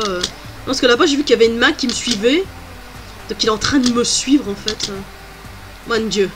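A woman doing let's play commentary, chatty and exclamatory, thinking aloud as she plays. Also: on the high side. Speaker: gamer.

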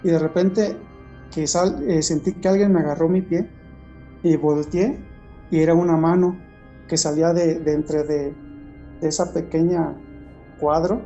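A man giving a personal testimony in conversation, telling his story in a halting way with frequent restarts. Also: a little high, steady tone, dark tone, muffled recording, soft background music.

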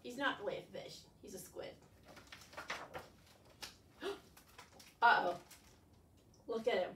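Her mid-range voice is slow and a bit bright as this sixty-something librarian coaxes young children with questions and exaggerated wonder at storytime. The recording is roomy, captured on a distant camera microphone with faint noise.

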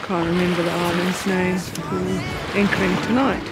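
A woman's voice: fairly low pitch, flat delivery, normal speed, very noisy. A woman talking casually while sailing, rambling with frequent fillers and restarts. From New Zealand. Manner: rambling, hesitant with many fillers. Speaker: sailing vlogger. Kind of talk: casual off-camera commentary. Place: outdoors on a sailboat.

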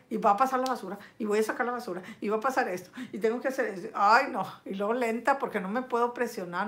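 A woman's voice: medium pitch, fairly bright tone. Older woman, 60s, casual live chat, affectionate, lots of endearments. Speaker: vlogger reading viewer comments.

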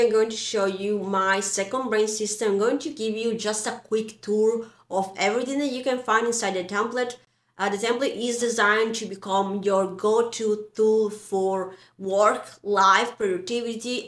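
A woman's voice: mid-range voice, normal speed. Echoey non-native English-speaking woman presenting a walkthrough. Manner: informal, loosely phrased, step-by-step explaining. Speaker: tutorial presenter. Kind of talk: casual screen-recorded software walkthrough. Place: indoor room. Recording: roomy, echoey voice track.

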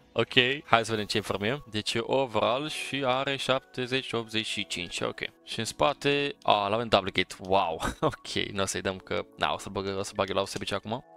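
A gaming streamer opens football card packs with casual, eager commentary, urging the game on and throwing in English exclamations. His fairly low voice has vocal fry and a bright, forceful tone.

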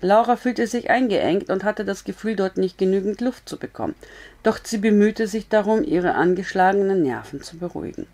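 A woman reading a novel aloud as a storyteller, in calm, measured narration. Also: mid-range voice.

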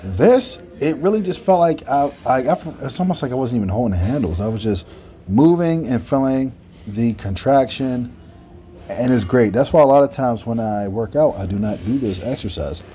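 Filming on his phone, a man in his thirties chats through his gym session in a casual vlog, his explanations loose and self-correcting. The phone is propped up indoors at the gym, later held at arm's length outdoors by trees. He has a medium-pitched, dark voice with lively intonation at a normal speed, over faint background noise.

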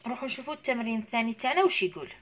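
A woman with an Algerian accent explaining an English exam to pupils. She reads each English sentence slowly and then explains it in dialect. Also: a little high, lively intonation, a bit bright. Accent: Algerian Arabic. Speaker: English teacher.

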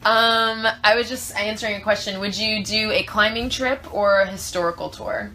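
Holding her phone at arm's length in a small indoor trailer room, this twenty-something South Florida woman chats live with fans, thinking aloud with plenty of fillers as she answers their questions. She speaks at a medium pitch and normal speed in a steady, pushed, bright tone, with slight background noise.

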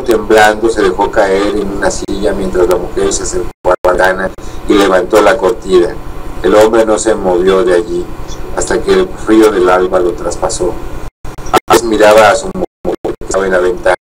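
A man's voice: low-pitched, steady tone, moderate pace. A man steadily reading a horror story aloud, with a few slips and restarts. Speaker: reader. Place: indoors, live stream. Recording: distant mic, faint air-conditioning hum.

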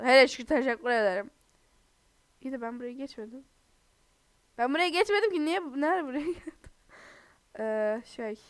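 A young woman who is sick and under the weather chats and giggles through gameplay commentary for her viewers. She hosts gaming videos and has a high voice, with no room sound.

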